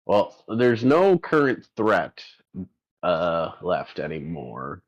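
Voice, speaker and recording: Very low-voiced male game master, halting. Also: big pitch swings, lo-fi sound. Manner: halting, thinking aloud. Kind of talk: casual, improvised game narration.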